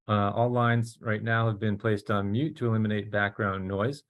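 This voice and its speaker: A man moderating a webinar, reading a formal introduction at a measured pace. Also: lowish voice, fairly even intonation, muffled recording. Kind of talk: scripted introduction.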